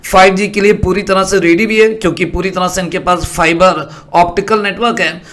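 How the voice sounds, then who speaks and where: A man's voice: sits high, fairly bright tone. A man giving stock market commentary over a screen share, explaining patiently and often checking that the listener is following. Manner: explanatory, asks "are you following me" often.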